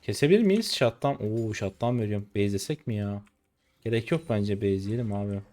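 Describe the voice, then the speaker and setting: A man's voice: lowish voice, animated, a little fast, darkish tone. A man in his twenties streaming a game live, ranting at his teammates in an irritated, cursing way. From Turkey. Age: 20s. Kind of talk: live gameplay commentary.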